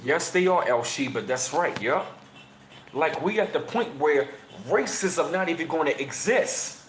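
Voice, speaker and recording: A man in his thirties, pitched a little above most men, talks loosely and excitedly to his viewers in slang. He reads passages aloud between replies and leaps up in pitch when he stresses a point. The room is echoey, with a faint hiss of noise underneath. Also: measured pace. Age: 30s. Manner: excitable, voice jumps high when emphatic, slangy. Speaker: channel host. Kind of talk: casual livestream chat, answering viewers and reading aloud.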